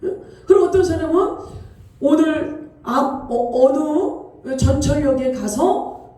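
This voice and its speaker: High-voiced woman pastor preaching in an echoey hall. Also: slow pace. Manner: animated storytelling, tossing questions to the congregation. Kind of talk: sermon. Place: church sanctuary. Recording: echoey church hall, distant mic.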